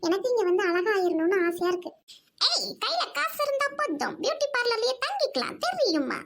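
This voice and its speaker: A woman's voice: very high voice, big pitch swings, a little fast, vocal fry. A woman dubbing a kids' cartoon, bossy and teasing in her lines. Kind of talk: cartoon dubbing, many voices. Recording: noisy homemade recording.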